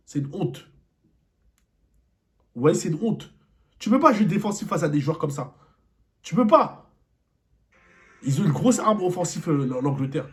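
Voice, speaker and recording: A man giving an angry post-match football debrief, repeating himself and firing rhetorical questions. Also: a little high. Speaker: football vlogger.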